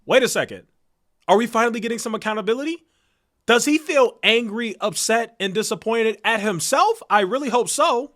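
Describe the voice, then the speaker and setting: A man with a high voice ranting through reaction commentary. He scolds hard, and his voice keeps climbing into angry outbursts. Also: animated, normal speed. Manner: angry, scolding, escalating to shouting.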